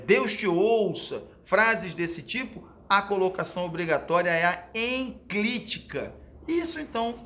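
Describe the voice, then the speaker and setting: A man's voice: high voice, fairly bright tone. A Brazilian man teaching Portuguese, walking through exam questions and patiently explaining them to his students, often checking in with "ok?" and "né?". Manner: fillers like "ok?", "né?" and "ó". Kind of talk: exam question walkthrough lesson.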